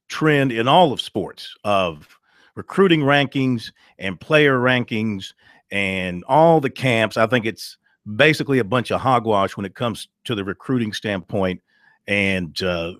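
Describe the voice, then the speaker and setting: A man's voice: mid-range voice, a bit bright, no room sound, clean studio sound. A man in his thirties hosting a sports talk show, emphatic and ranting, laughing easily. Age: 30s. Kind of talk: opinionated sports talk radio.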